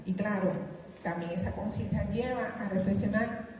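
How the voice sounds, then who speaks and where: A woman's voice: mid-range voice, moderate pace, darkish tone. Woman, middle-aged, lecturer, asks and answers own questions, long hall reverb, faint room noise. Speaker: linguistics lecturer. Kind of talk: university conference lecture. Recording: echoey hall, distant mic, faint room ambience.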